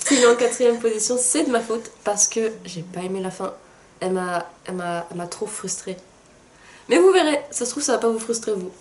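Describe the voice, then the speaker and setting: A woman's voice: fairly high pitch, expressive, fairly quick, darkish tone, slight background noise. Sick young woman chatting casually. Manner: chatty, hesitant with many fillers. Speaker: book channel co-host. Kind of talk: casual chat.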